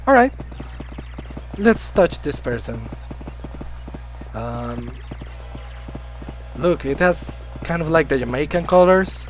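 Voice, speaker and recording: Soft background music sits under a low-quality recording of a man with a slightly high, animated voice who takes things slowly with long pauses. He's rambling through a live game stream, greeting viewers and answering chat, coughing now and then after an illness; his first language is Spanish.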